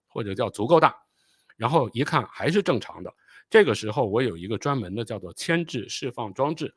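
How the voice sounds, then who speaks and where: A man's voice: medium pitch, no echo, clean studio sound. Man explaining rocketry on a live stream. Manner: explanatory, with frequent filler pauses; apologetic and hurried while fixing playback. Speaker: channel host.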